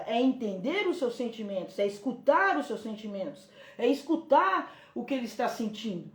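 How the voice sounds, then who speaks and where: A Brazilian woman with a high, very lively voice talks to parents in a live stream. She gives advice and acts out gentle talks with a child. The sound carries a roomy echo. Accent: Brazilian Portuguese. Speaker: parenting channel host.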